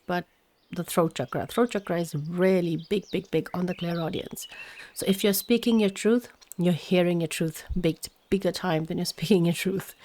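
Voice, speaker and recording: A woman whose first language is Hindi gives a spiritual tarot reading in a slightly low voice. She speaks gently and meanders, often pausing on fillers and restarting. Birds chirp faintly in the background.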